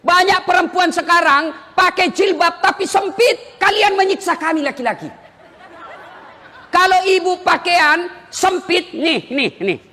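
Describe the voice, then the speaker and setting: A man preaching a sermon in an animated, joking style, with sudden shouts. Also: extremely high pitch, unhurried, a faint crowd. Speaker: Islamic preacher. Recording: long hall reverb.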